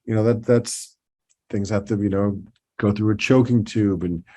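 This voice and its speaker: A middle-aged man with a New York accent speaks in a fairly low voice. He rambles casually as a podcast guest, doubling back on his words and leaning on fillers as he explains his trade. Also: steady tone, moderate pace, warm tone. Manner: rambling, many restarts and fillers. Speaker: toy designer guest.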